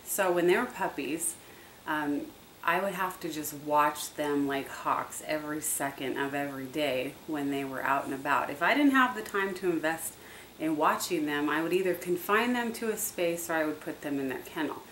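A woman with a low voice talks through her dog training tips in a chatty, repetitive way, full of ums and asides. She sits some way from the mic, so her voice sounds distant, in an echoey room with a faint hiss behind it. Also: normal speed, fairly bright tone. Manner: chatty, repetitive, many fillers. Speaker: dog owner vlogger. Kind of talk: casual how-to talk.

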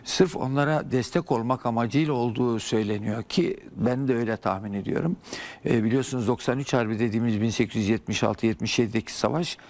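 A man's voice: medium pitch, quick pace, darkish tone. An older man, a historian guest in a TV studio, explaining at length with frequent hesitations.

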